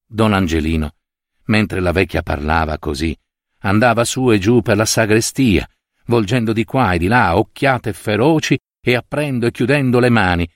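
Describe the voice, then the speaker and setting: A man reading a literary short story aloud with expressive, dramatic storytelling. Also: fairly low pitch, moderate pace, no echo, studio quality. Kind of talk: literary audiobook narration.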